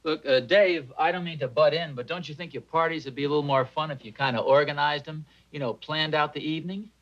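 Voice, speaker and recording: A man's voice: a little high, steady tone, quick pace, close to an everyday voice. An actor playing a genial, meddling middle-aged father in a 1950s sitcom, chuckling and folksy as he offers to help. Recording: dull lo-fi 1950s TV soundtrack.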